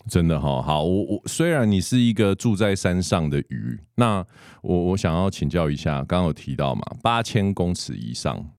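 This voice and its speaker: A man's voice: low-pitched, lively intonation, normal speed, a little mellow, no echo, clean studio sound. A man with a Taiwanese Mandarin accent, hosting a podcast in a conversational way. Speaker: podcast host. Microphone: close podcast microphone with headphones.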